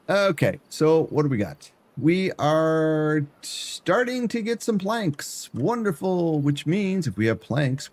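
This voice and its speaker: A man's voice: mid-range voice, a little mellow. A man streaming live, chatting loosely through gameplay and often stumbling over and repeating his words.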